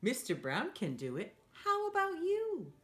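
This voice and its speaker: Her voice high and her pace measured, a woman leads a children's storytime with playful encouragement. She stays animated, gets listeners to take part, and acts out the sound effects.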